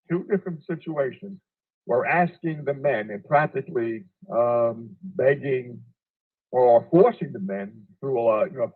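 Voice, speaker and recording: A man speaking as a remote guest over a video call connection that keeps breaking up, telling a story in a halting way with many fillers. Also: medium pitch. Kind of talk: casual panel discussion. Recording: tinny phone-like video call audio.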